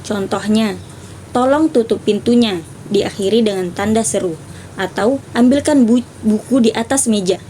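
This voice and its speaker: A young woman presenting a class topic, reading her points in a steady list. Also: mid-range voice, slight background noise. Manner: steady listing of points, clears throat. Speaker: student presenter.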